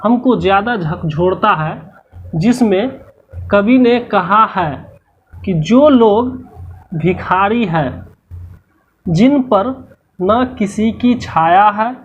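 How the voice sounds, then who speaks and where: A woman's voice: mid-range voice, lively intonation, extremely slow, long pauses, husky, highs cut off. A woman teacher going through a textbook lesson's questions, explaining each answer step by step and repeating the key words.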